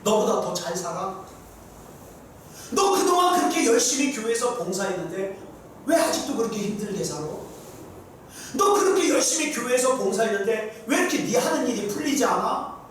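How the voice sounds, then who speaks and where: A man's voice: very high voice, very animated, moderate pace, a bit bright, slight background noise, exaggerated voice. A man acting out a scornful male devil who mocks a pilgrim and plants doubts, heard in an echoey room from a distant mic. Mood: taunting. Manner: mocking, scornful taunts. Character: sneering male devil whispering doubts, taunting. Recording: echoey sanctuary, mic far off.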